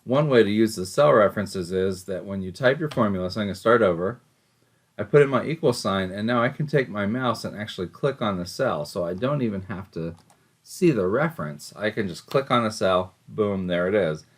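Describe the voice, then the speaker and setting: A man giving an informal software tutorial, explaining each step as an instructor. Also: lowish voice, expressive, a little fast.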